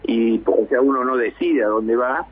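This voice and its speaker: A husky-voiced man in his fifties answers questions over a tinny phone line. He talks in a measured, hesitant way and often restarts his sentences. His pitch sits in an ordinary middle range. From Argentina. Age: 50s. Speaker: base commander guest. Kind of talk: phone interview on radio.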